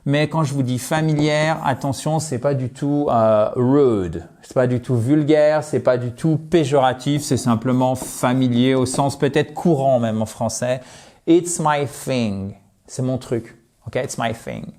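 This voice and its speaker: Male English tutor, deliberate slow delivery, joking asides, repeats words for learners. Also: mid-range voice, mellow. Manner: playful, jokey asides, repeats words slowly. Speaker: English teacher. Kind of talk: online language lesson.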